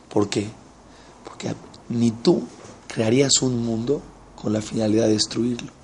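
A man giving an animated sermon, telling stories and asking the audience rhetorical questions. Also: medium pitch, slight background noise. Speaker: religious teacher.

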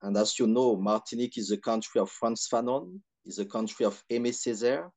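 A man from Benin with a Beninese French accent gives reflective interview answers in measured, hesitant phrases with frequent pauses. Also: medium pitch, darkish tone. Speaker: podcast guest, historian and activist.

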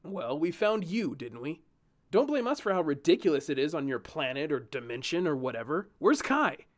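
A man's voice: a little high, big pitch swings, normal speed. A man doing a flustered, indignant young man. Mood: agitated. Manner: protesting, raised and agitated.

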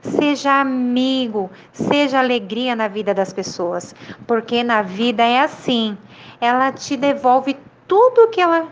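Calm loving dad teaching his kid, a woman voicing him, slow and gentle, muffled sound. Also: a little high, slight background noise, lightly acted.

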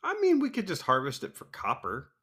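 A man's voice: medium pitch, huge pitch swings, a little fast, pushed and bright, husky. A man with a wheezy voice co-hosts a podcast in a casual, comic, self-deprecating way, laughing often. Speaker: podcast co-host.

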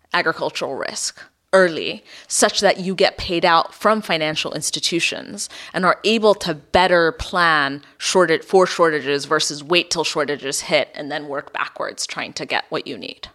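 A woman's voice: low voice, fairly bright tone. A woman from Ethiopia, a company founder, explaining her work in a podcast interview and often adding "right?".

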